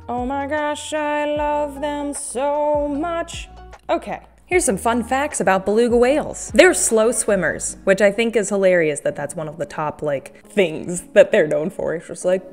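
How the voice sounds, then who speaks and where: A woman's voice: medium pitch, darkish tone. A woman hosting a casual craft video, chatting in a playful, jokey, self-mocking way. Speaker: host of an art-making video series.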